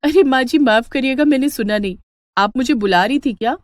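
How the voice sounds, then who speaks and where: A woman's voice: high voice, a little fast, dry recording, lightly acted. A woman voicing a vain, touchy young daughter-in-law in a cartoon story, whiny and protesting. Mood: apologetic.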